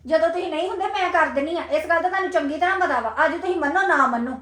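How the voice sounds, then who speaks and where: A woman's voice: very high-pitched, rapid-fire, fairly bright tone, echoey room. A woman with a Punjabi accent, acting an angry, reproachful younger sister-in-law in a scripted family drama.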